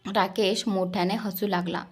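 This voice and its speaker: A woman's voice: mid-range voice, steady tone, normal speed, slightly rough, soft background music. A woman narrating a romance story, reading dramatically.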